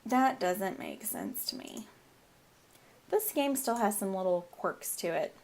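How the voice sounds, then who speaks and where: Her voice is medium-pitched, expressive and slow as this Southern US woman in her thirties chats through her gameplay video. She frequently dissolves into giggles, and a lingering head cold makes her sound a bit off.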